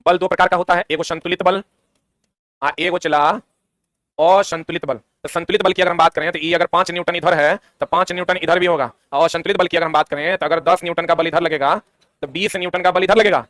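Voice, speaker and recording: A man's voice: on the high side, steady tone, brisk, fairly bright tone, no echo. A man teaching an exam-prep science lesson, drilling students with repeated questions and answers.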